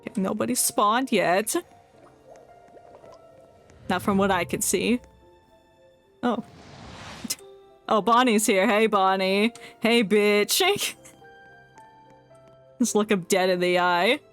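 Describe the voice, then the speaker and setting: A woman streams a game with casual live commentary, speaking slowly with long pauses in a mid-range voice. She is giggly, chatting to herself and to the game characters, and background music sits under her speech.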